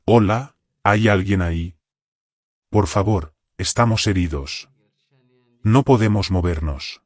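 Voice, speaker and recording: A man's voice: low voice, slow, no room sound, clean studio sound. A man voicing a hollow mimic creature faking a woman's cries. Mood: false pleading. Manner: hollow, too-perfect pleading.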